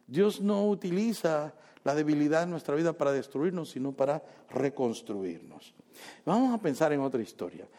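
A man preaching a sermon, telling a story in an animated way with jokes. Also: on the high side, normal speed.

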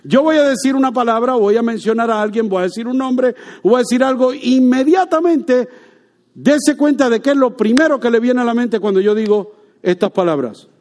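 A man preaching a lively sermon, joking with and quizzing his congregation. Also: very high-pitched, moderate pace. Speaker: pastor.

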